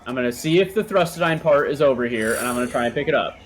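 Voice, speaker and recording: A man's voice: mid-range voice, lively intonation, rapid-fire, slight background noise. A man streaming a video game with a friend, chatting casually in a playful way and laughing often. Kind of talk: casual gaming chat.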